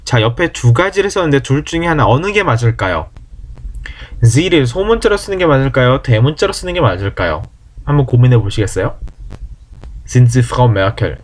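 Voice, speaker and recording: Lively male language teacher. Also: mid-range voice. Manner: explains briskly, then drills German words slowly and clearly; asks the listeners questions. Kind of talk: online language lesson.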